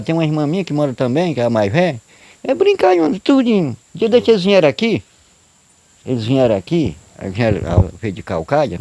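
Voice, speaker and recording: A man speaking at an everyday middle pitch, spinning a long spoken tale. His talk loops and repeats, full of little tag questions. The sound is dry and close, with no room echo. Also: warm tone. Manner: rambling, repetitive folksy narration with frequent "né?" and "eu digo". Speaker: storyteller guest. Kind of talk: casual spoken storytelling of a true tale.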